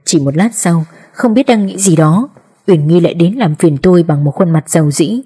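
A woman narrating an audiobook in steady, even storytelling. Her voice sits low and mellow, with a husky, breathy edge. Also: normal speed. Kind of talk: scripted narration.

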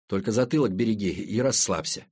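A man voicing a calm, wry companion who gives practical instructions in a matter-of-fact way. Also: fairly low pitch, a little fast, husky. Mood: instructive. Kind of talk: audiobook character voice.

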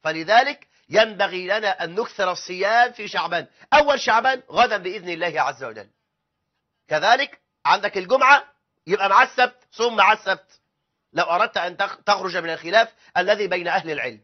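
Impassioned high-voiced Egyptian preacher. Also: male voice, lively intonation, fast talker. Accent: Egyptian Arabic. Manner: impassioned, emphatic, swears oaths for emphasis. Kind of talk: sermon. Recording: dull lo-fi recording.

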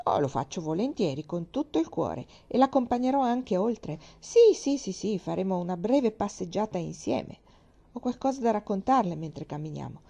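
Lady reading as a jolly old sea admiral, chatty and blunt, gravelly low-toned voice, audiobook. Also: sing-song, moderate pace, mellow. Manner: bluff, chatty and frank. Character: hearty, jovial old navy admiral, man.

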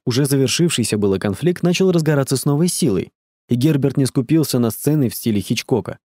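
Man narrating an audiobook, dark voice. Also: medium pitch, animated, quick pace, no echo, clean studio sound. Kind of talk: scripted narration.

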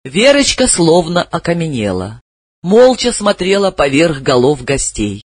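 A man narrates a story in a lively, dramatic way, his high voice rising and falling widely. There is a breathy softness to it. The sound is dry and close to the mic. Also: measured pace, dry recording. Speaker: audiobook reader.

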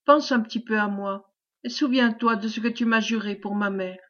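A woman's voice: a little high, steady tone, normal speed, a bit bright. A woman reading as a tender young peasant boy. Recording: dull lo-fi recording.

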